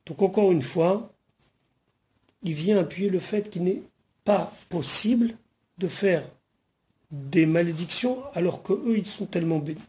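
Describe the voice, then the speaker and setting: A rabbi leads a verse-by-verse study lesson in a mellow, warm voice. He reads short Hebrew phrases and then patiently unpacks each one, explaining the grammar along the way. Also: high voice, expressive, measured pace, pauses often. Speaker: rabbi teaching the weekly Torah portion.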